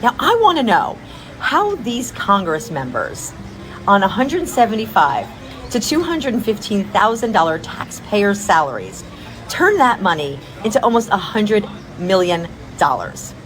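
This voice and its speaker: A woman's voice: medium pitch, huge pitch swings, measured pace, a bit bright, faint music behind, low-quality recording. A woman giving a pointed, sarcastic political speech.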